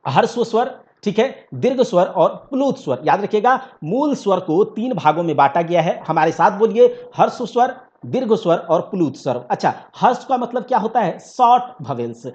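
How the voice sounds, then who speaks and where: A man's voice: sits high, very animated, moderate pace, hardly any pauses, a little mellow. A man teaching an exam-prep grammar lesson, repeating key points and asking the class rhetorical questions. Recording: dull lo-fi recording.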